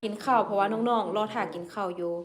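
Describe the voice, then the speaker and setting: A woman's voice: medium pitch, fast talker. Chatty young woman livestreaming. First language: Akha. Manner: chatty, giggly, unashamed, calls herself by name. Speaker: livestream host. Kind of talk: casual livestream chat.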